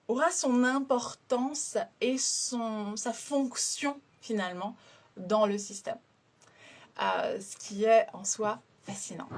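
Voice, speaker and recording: A woman explaining a therapeutic approach to her listeners, hesitant, with many fillers and restarted phrases. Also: medium pitch. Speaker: systemic hypnotherapist. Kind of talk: explanatory talk to an audience.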